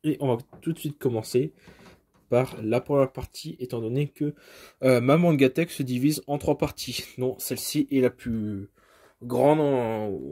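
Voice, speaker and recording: A man's voice: mid-range voice, darkish tone. Hesitant man filming a phone walkthrough. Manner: hesitant, many fillers and restarts; self-deprecating, apologetic asides. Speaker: vlogger showing his manga collection. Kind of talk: casual home video tour. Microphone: phone held at arm's length.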